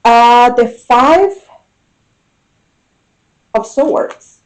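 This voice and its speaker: A woman giving an unscripted, intimate tarot card reading, musing aloud with pauses and repeated phrases. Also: on the high side, low-quality recording.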